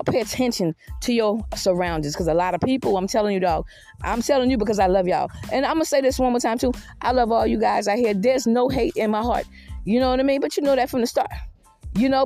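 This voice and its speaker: Blunt, profane, high-voiced woman in her fifties. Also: a little mellow. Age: 50s. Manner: frequent "you know what I mean" asides. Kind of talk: defiant monologue rant.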